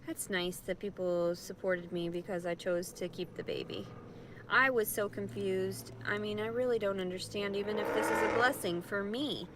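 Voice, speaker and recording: A woman's voice: mid-range voice, lively intonation, moderate pace, a little hiss or hum. A distressed woman ranting tearfully and repetitively to her camera in a vlog, in pain and upset. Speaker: vlogger. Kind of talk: emotional vlog rant.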